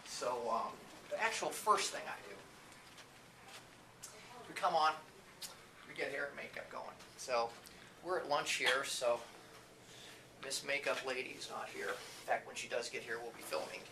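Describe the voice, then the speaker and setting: The CEO and presenter of a training company leads a casual indoor tour through a video production facility. His medium-pitched voice is unhurried, with frequent pauses, and his chatty, off-the-cuff narration is set against light background noise and room ambience.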